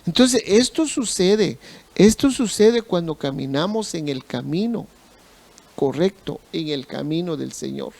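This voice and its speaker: A male pastor preaching a sermon slowly, repeating phrases for emphasis. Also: a little high, expressive, gravelly, a little mellow.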